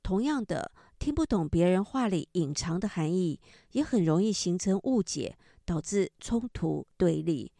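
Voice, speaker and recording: Gentle, mellow-voiced middle-aged woman explaining. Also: on the low side, big pitch swings, vocal fry, dry recording, clean studio sound. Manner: gentle, explanatory, drawn-out particles. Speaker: author and counselor. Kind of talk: book talk with storytelling.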